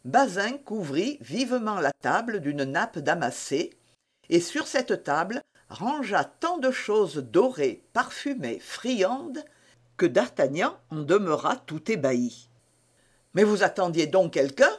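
A reader narrating a classic adventure novel in an expressive way. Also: slow, breathy edge. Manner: expressive, varied pitch.

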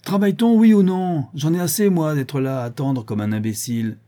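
A peevish, impatient count, played by a male reader, barking loudly in a raised voice. His grumbling has a husky, mellow grain. He sounds fed up with everyone around him. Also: mid-range voice, moderate pace, pitched above the performer's own voice, natural voice. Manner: peevish, shouting. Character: grumpy impatient cousin, a count.

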